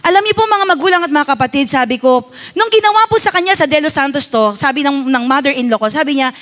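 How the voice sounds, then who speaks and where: A Filipino woman pastor delivers a sermon in a high, light voice. She speaks politely and tells a personal story as a mother, often turning to her congregation for an amen or a nod of agreement. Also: fast, a bit bright. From Philippines.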